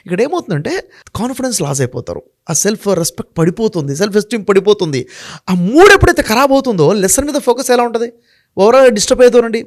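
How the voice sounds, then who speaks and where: High-pitched fast-talking man. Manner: emphatic, works through numbered points; asks the host rhetorical questions. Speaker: interview guest. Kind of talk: explaining in a sit-down interview.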